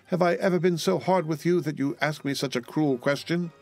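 A man's voice: fairly high pitch, a little fast, vocal fry, a little mellow, faint music behind, pitched above the performer's own voice. A man voicing a tearful, loving English woman, a doting sister, in a wailing, dramatic manner for a storybook. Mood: tearful, pleading. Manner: wailing, mournful, exclamatory.

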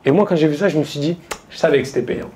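A man doing stand-up, telling a story in a casual, slangy way to a live audience, quoting his friends in quick asides. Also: on the high side, very noisy. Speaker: stand-up comedian. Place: stage before a live audience.

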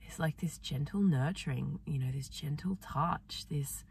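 A woman vlogger talking softly and gently in a reflective personal diary, her voice affected by a sore, swollen throat. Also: low-pitched, a little slow, vocal fry, far from the mic, a little hiss or hum. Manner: soft, gentle, meandering, with many fillers.

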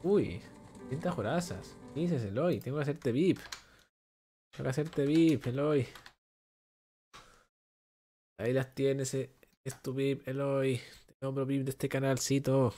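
A young man from Venezuela, a gaming streamer, chats with viewers from home at normal speed in a mid-range voice. Warm and talkative, he reads chat aloud and answers questions into his desk microphone while faint game music plays.

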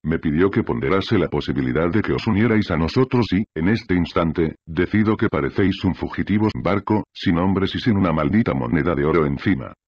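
A man voicing a gruff, scornful older pirate priest in an audiobook reading. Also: low voice, animated, brisk, hardly any pauses, dry recording, dull audio. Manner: scornful, blustering.

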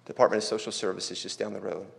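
A man's voice: on the low side, level tone, fast, gravelly. A pastor in his thirties giving a personal testimony during a sermon, in a conversational, storytelling way that acts out quoted dialogue.

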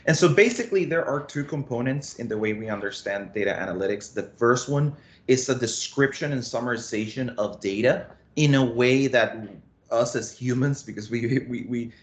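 A man's voice: mid-range voice, normal speed. A man in his thirties from Costa Rica, speaking as a data analytics instructor on a video call, explaining in a friendly way with frequent restarts. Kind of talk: online workshop presentation. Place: small home office. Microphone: webcam on a video call.

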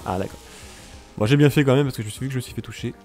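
A man's voice: medium pitch, fast, darkish tone, soft background music. A man doing casual, joking commentary over his own gameplay, exclaiming at the action and talking to his viewers. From France. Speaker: let's play commentator.

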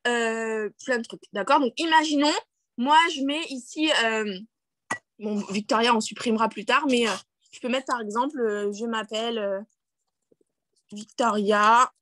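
High-voiced chatty woman. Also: normal speed, fairly bright tone, no echo. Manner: chatty, many fillers and restarts, checks in with "d'accord?"; self-deprecating, laughs at her own English. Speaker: network marketing team leader. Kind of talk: screen-share tutorial on a video call. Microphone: video call.

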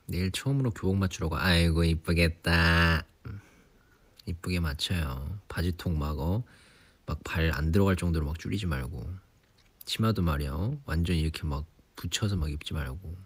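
A young man in his twenties, relaxed and chatty on a sleepy late-night livestream, teasing himself for nagging like an elder. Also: low voice, normal speed, husky. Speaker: idol livestream host. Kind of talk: casual livestream chat. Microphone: phone or device mic, voice-only live.

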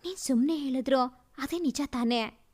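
A woman voicing a remorseful young husband who apologizes softly. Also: sits high, moderate pace. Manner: soft, apologetic.

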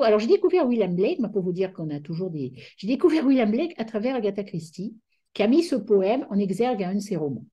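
A middle-aged woman giving an academic lecture over a video call, hesitant and often pausing to search for words. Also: mid-range voice, mellow, husky.

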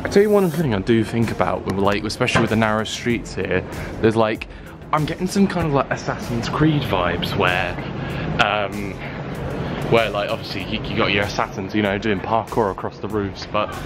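A man's voice: fairly low pitch, animated, normal speed, over loud music. A young man from England, talking casually to a handheld camera outdoors as he vlogs his travels, rambling with fillers. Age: young adult. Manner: chatty and rambling, with fillers and laughs. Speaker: vlogger. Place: outdoors in old town streets and by the sea. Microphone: handheld compact camera at arm's length.

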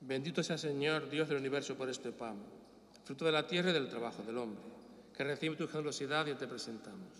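An older man, a priest, reciting the prayers of the Mass at the altar in a solemn, steady way. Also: mid-range voice, a little fast. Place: large church, at the altar. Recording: echoey church with long reverb.

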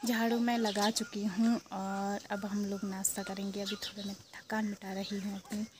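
A woman's voice: mid-range voice, level tone, normal speed, background noise. A young woman from Uttarakhand narrating a casual home vlog, chatty and talking to viewers, sometimes whispering. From Uttarakhand, India. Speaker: vlogger.

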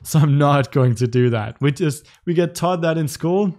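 This young Dane in his twenties, speaking his native Danish, answers livestream chat from a webcam setup in his home room. He sounds easygoing and chatty with occasional light laughter, his voice on the high side at a normal speed.

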